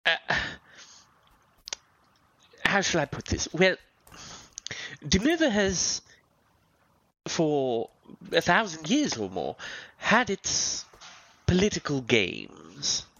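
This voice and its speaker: Genteel flustered adventurer played by a woman, lowish voice, very animated pitch, mannered pauses, tabletop fantasy. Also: dry recording, dull audio, heavily acted. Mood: grave, measured. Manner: mannered, hesitant, dramatic pauses.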